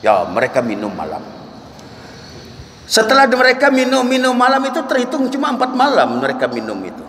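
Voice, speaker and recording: A man preaching a dawn lecture in a mosque, telling stories with lively swings and chanting verses. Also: very high-pitched, fairly quick. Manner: animated storytelling with chanted Quran verses. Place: mosque hall. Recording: echoey hall, faint room noise.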